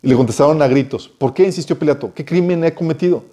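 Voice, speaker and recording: Warm-voiced man teaching a Bible study. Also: fairly high pitch, quick pace. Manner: animated, asks rhetorical questions, checks in with "sí".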